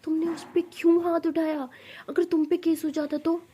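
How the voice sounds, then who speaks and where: A fed-up young college woman snaps back in a high, mellow voice, as a woman reads her lines. She scolds sharply and keeps pushing her partner away. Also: flat delivery, moderate pace. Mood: angry.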